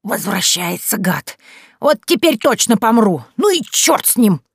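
A woman reading an audiobook, voicing a frantic, stubborn old witch woman who shouts and snaps back. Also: big pitch swings, a little slow, creaky, husky, no echo, studio quality, heavily acted. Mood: defiant. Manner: shrill, shouting and snapping back. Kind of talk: audiobook character voice.

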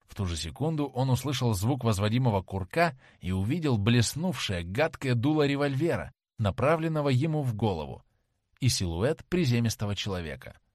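A man's voice: medium pitch, a little fast, dry recording, clean studio sound. Dramatic male audiobook narrator. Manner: dramatic, lively storytelling.

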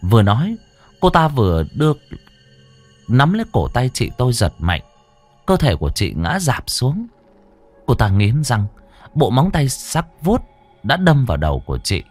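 A man's voice: mid-range voice, huge pitch swings, moderate pace, pauses often, faint music behind. A man telling a ghost story in the first person with a dramatic delivery.

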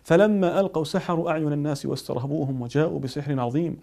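A man's voice: a little high, very fast, gravelly, dark tone. A man preaching a sermon, emphatic, with rhetorical questions.

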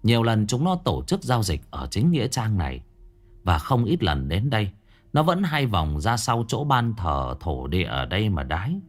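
A man narrating a ghost story in a dramatic, animated storytelling manner. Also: lowish voice, normal speed.

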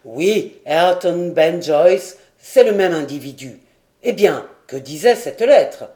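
Woman reader as a lordly gentleman, vehement and urgent, louder, lower, slow. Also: expressive. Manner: forceful, urgent questions. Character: commanding lord, agitated and vehement.

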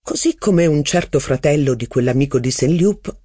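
A man narrating a literary novel as an audiobook, reading long sentences in an even, measured way. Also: on the high side, dry recording, clean studio sound.

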